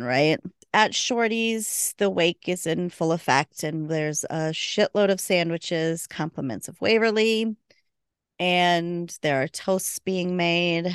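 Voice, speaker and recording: Co-hosting a podcast, a woman casually recaps a TV episode, acting out the characters' lines with big leaps in pitch. The audio is smooth and clean, recorded in a studio with no room sound.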